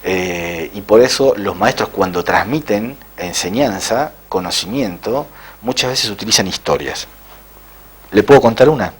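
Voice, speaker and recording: A middle-aged man, an interviewed author, telling a spiritual story in a halting way with frequent "eh" fillers. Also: lowish voice, expressive, slightly rough.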